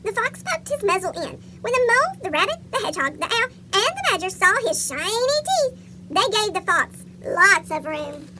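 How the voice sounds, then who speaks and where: Someone voicing a chipmunk with a squeaky cartoon voice, reading a picture book aloud to children. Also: very animated, moderate pace, noisy background. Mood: chirpy storytelling. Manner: asks young listeners questions. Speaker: story reader for children.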